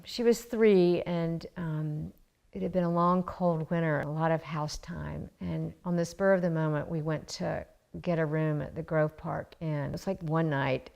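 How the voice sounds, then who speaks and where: Lowish gravelly woman, adoptive mom, reflective interview anecdote. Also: steady tone, darkish tone. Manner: reflective, measured with pauses. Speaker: adoptive mother. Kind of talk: interview storytelling.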